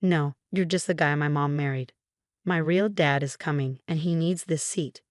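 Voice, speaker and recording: A woman's voice: sits low, normal speed, no room sound, studio quality, natural voice. A woman voicing a resentful teenage girl at her graduation, speaking curtly and dismissively. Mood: cold. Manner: curt, dismissive.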